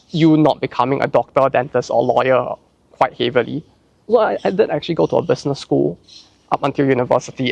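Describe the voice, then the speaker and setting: A young channel host with a Singaporean English accent and a gravelly, mid-range, slightly mellow voice answers viewer questions in casual chat. He rambles, uses "like" a lot and frequently restarts his sentences.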